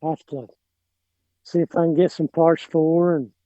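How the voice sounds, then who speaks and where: A man's voice: on the high side, fairly even intonation, moderate pace, mellow, dry recording, muffled recording. A middle-aged man with an Appalachian mountain accent chatting casually, rambling and hesitant, often trailing off. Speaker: podcast guest, lawn care business owner. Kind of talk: casual chat.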